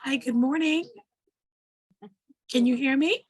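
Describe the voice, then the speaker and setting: A hoarse woman introducing herself as an organisation's representative on a video call, sounding polite and upbeat. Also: sits high, slow, dry recording, low-quality recording.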